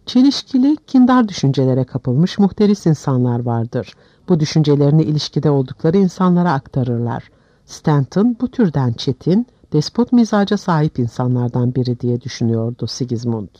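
Expressive male audiobook narrator. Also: fairly high pitch, no room sound, highs cut off.

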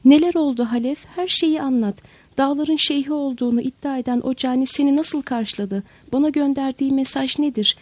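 A woman's voice: sits high, fairly quick, dry recording, natural voice. A woman voicing an older male sultan in a storybook reading, proud and commanding. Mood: demanding. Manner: imperious, angry commands.

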